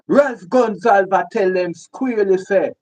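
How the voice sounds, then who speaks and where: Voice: medium pitch, unhurried, darkish tone. A commentator with a Jamaican accent giving emphatic political commentary in patois, repeating points for stress. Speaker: online commentator.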